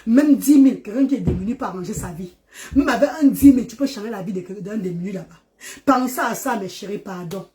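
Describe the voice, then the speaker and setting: A middle-aged woman from Central Africa hosts a live stream, speaking fast in a mid-range, dark-toned voice. She addresses her viewers affectionately but preachily, urging them on and repeating herself a lot.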